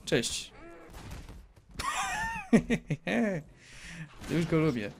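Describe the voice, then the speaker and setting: A man's voice: on the high side, very animated, measured pace, noisy background. A man giving casual, joking commentary while playing a video game, rambling, exclaiming and talking to viewers and game characters. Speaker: let's play gamer.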